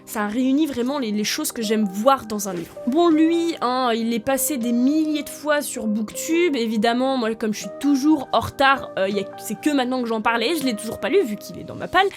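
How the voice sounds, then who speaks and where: Young woman vlogging about books, chatty and excited, lots of euh, slightly high voice, faint music behind. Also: brisk, hardly any pauses. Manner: chatty and excitable, with many fillers. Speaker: book vlogger. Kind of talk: casual chat to camera.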